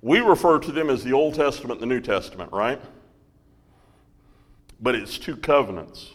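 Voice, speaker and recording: A man's voice: medium pitch, animated, in a large hall. A man teaching a Bible lesson, checking in with the class by asking "right?" and "okay?". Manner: slow, with frequent "right?" and "okay?" check-ins.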